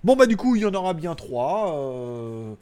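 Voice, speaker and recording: A man's voice: fairly high pitch, big pitch swings, normal speed, a little mellow, smooth. A man from France, hosting a live tech news show in a rambling, joking way with crude asides and frequent laughter. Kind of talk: casual live tech chat. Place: home studio, live stream.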